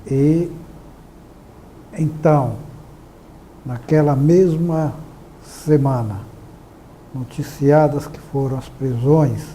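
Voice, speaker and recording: A man, giving formal, measured testimony about past events. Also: mid-range voice, warm tone, a little hiss or hum, poor audio. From Bahia, Brazil. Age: 60s.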